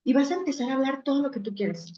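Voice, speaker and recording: A woman psychologist talks her audience through everyday scenes, slipping into quoted voices to make her points. Her voice sits high. The recording is roomy, with a dull, lo-fi sound. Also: fast talker, mellow. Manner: conversational, acts out little scenes with quoted voices. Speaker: psychologist giving a talk. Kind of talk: virtual conference talk.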